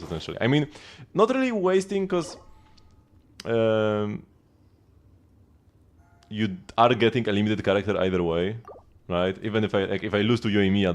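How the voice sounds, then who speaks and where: There's slight background noise under this man's low voice, along with music. He's a game streamer keeping up casual, offhand commentary, thinking aloud as he plays and talks with viewers.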